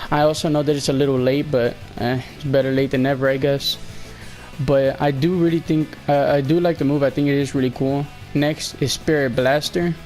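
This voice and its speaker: A young male gameplay commentator with a medium-pitched, slightly mellow voice talks a little fast with fairly even intonation over a casual game walkthrough. He's slightly sick and losing his voice, so it sounds faded, and he rambles hesitantly with lots of fillers over soft background music.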